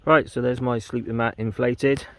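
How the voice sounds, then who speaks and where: A man chatting casually through an outdoor camping vlog, relaxed, with plenty of ums. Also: mid-range voice, normal speed. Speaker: wild camping vlogger. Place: outdoors on a windy hillside.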